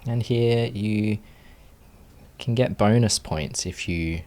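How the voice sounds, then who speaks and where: In a fairly low pitch, a man guides a meditation in the role of teacher. Long pauses break up his calm, soothing speech.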